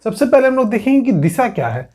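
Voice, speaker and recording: A man's voice: very high-pitched, big pitch swings, fast talker, darkish tone. A male coaching teacher explaining at a whiteboard, who keeps saying "theek hai" and puts rhetorical questions to his students. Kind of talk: exam coaching lesson.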